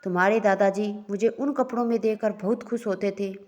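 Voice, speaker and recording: A doting old grandmother from a storybook, fond and gently scolding, as a woman storyteller reads her lines. Her voice sits in an ordinary middle register, and she talks warmly and a little mischievously. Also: mid-range voice, steady tone, fairly quick, muffled recording, natural voice. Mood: doting, teasing. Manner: affectionate, playfully scolding. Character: loving, teasing elderly grandmother.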